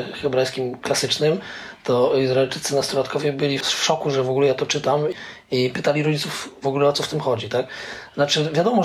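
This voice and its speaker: A man explaining things in an interview, pausing often with filler sounds as he thinks. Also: mid-range voice, a little hiss or hum. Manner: hesitant, many filler "e" pauses. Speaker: interviewee, Hebrew scholar. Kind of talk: conversational explanation.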